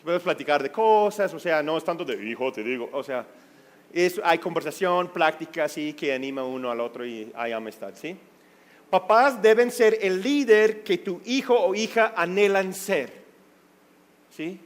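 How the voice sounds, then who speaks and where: A man's voice: high-pitched, lively intonation, normal speed, long reverb tail. A man preaching a Bible study. He talks conversationally and keeps checking in with his listeners. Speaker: pastor teaching a Bible study. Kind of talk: sermon.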